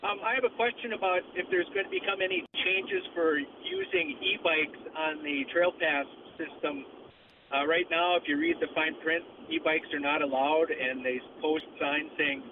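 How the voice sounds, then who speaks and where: A man's voice: on the high side, moderate pace. A man calling in to a radio show over the phone, politely explaining his question step by step. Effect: phone line. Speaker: radio call-in caller. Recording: tinny phone line with outdoor and traffic noise.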